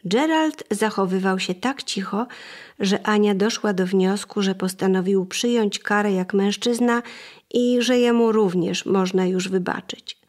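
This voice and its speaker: A woman narrating an audiobook chapter in an even, measured storytelling manner. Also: medium pitch. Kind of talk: scripted narration.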